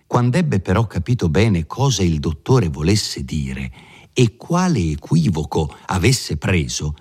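A man narrating a classic novel in an audiobook, in a measured, expressive storytelling manner. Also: sits low, breathy edge. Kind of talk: literary audiobook reading.

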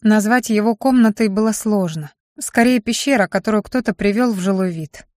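A woman narrates a first-person fantasy audiobook, telling the story expressively in a mid-range voice at a moderate pace. The sound is clean studio quality with no echo.

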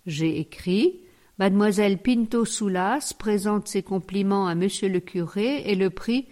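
A woman's voice: medium pitch, measured pace, a little mellow, lightly acted. A woman reading a deferential young man. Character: young male secretary, awkward.

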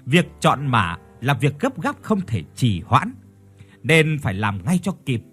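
A stern village shaman with a husky voice and lively pitch, laying down funeral rites in a solemn, commanding way, as a man reads him in a storybook. Faint music sits behind him. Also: unhurried, heavily acted. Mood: solemn instructing. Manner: instructive, solemn.

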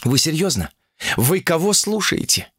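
A man reading an audiobook and voicing an indignant young female graduate student who protests in a shrill, exasperated way. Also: big pitch swings, moderate pace, a bit bright, no room sound, clean studio sound.

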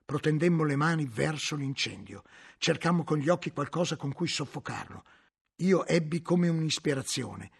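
Gravelly man reading a novel aloud. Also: medium pitch. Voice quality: gravelly, husky. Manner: dramatic, measured storytelling. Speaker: narrator.

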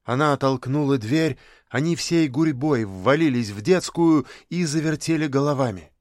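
Measured male audiobook narrator, dry. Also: mid-range voice, darkish tone, dry recording. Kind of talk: scripted narration.

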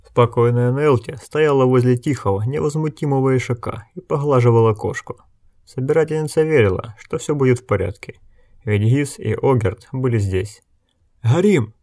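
A man's voice: mid-range voice, normal speed, warm tone, no room sound, studio quality. A man narrating an audiobook in a tense, dramatic style. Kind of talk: scripted narration.

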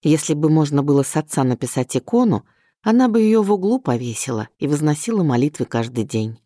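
A woman narrating an audiobook in an expressive literary storytelling manner. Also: low-pitched, a little fast, dry recording, clean studio sound. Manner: expressive storytelling, mixing plain telling with inner voice. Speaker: audiobook reader.

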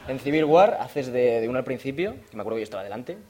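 A man on a dubbing panel who adds quick comments and swears casually as he praises a colleague. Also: medium pitch, sing-song, a crowd in the background.

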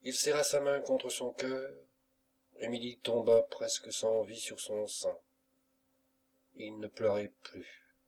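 A man narrating a classic novel as an audiobook reader, in a measured, unhurried way. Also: mid-range voice, level tone, a little mellow, distant mic, a little hiss or hum.

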